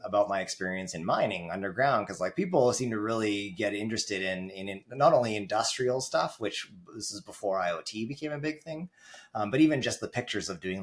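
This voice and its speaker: A Canadian man, a guest on a podcast, chatting casually and telling animated stories about network work. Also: on the low side. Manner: animated storyteller who acts out quoted voices. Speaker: guest, wireless network engineer.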